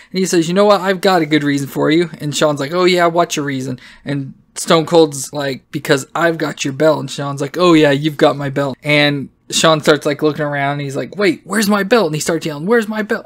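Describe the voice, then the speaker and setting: A man hosting a podcast, recapping an old wrestling show in a rambling, casual way with many fillers and self-corrections. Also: on the high side. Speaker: podcast host.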